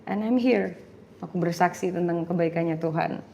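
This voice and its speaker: A woman's voice: on the low side, moderate pace, creaky, mellow, slight background noise. A young woman telling an emotional personal testimony in an interview, acting out the dialogue in her story and slipping in English phrases. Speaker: guest giving a testimony.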